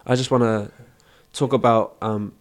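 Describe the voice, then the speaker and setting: A young man with a New Zealand accent, a choreographer talking in a relaxed, reflective way in an interview. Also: mid-range voice, measured pace.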